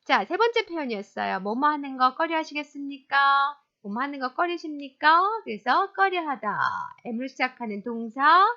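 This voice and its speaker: A woman teaching a beginner English lesson in a cheerful, teacherly way, slowly drilling the model sentences. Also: sits high, animated, bright, forceful tone, lo-fi sound.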